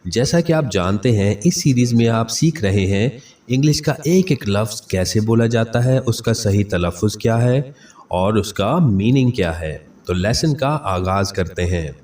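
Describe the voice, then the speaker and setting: A man teaching English vocabulary, saying each word slowly and repeating it several times. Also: lowish voice, lively intonation, a little mellow. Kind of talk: pronunciation lesson. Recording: slightly distant mic with faint background noise.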